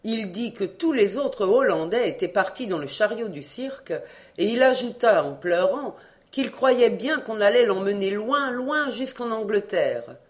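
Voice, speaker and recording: A reader narrating a children's adventure novel in a measured, lowered storytelling voice. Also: lively intonation. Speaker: audiobook reader.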